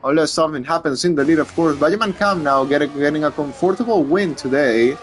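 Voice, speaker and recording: A man's voice: fairly high pitch, fast talker. A man commentating live on a motor race as a motorsport commentator. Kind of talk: live sim racing commentary.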